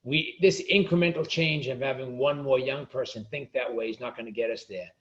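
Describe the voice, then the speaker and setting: Talking a little fast at medium pitch, a male author chats casually as a podcast interview guest. He argues with passion and tends to repeat his words, and the recording is dull.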